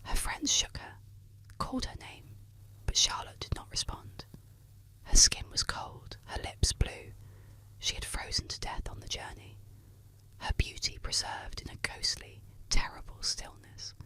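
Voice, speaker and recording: A woman narrating eerie tales as ASMR, in a soft unvoiced whisper close to the ear. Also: unhurried. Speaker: ASMR storyteller. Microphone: close ASMR microphone.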